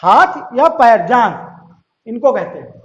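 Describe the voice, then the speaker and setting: A man with a high voice teaches a class, drawing out each rule slowly and repeating it several times. He keeps turning to his students with questions and then answers them himself. The sound is roomy and a little dull. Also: expressive. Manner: slow, drawn-out repetition of rules; addresses students directly, asks and answers questions. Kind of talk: classroom-style lesson.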